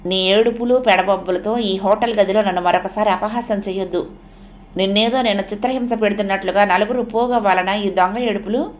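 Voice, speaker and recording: A woman's voice: mid-range voice, fairly even intonation, brisk, a little hiss or hum, close to an everyday voice. A woman voicing a bitter, proud rich young man who speaks coldly and scornfully in a storybook reading. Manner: cold, cutting, scornful.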